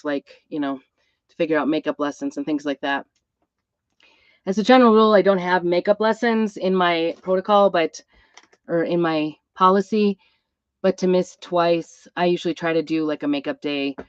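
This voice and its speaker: A woman's voice: on the low side, no echo. Woman with a dull, boxy sound, chatting while ill. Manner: chatty, rambling. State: ill with a cough and plugged ears. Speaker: craft channel host, music teacher. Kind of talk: casual chat to a live craft audience. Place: inside an Airstream trailer. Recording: dull, boxy tin-can sound, close and dry.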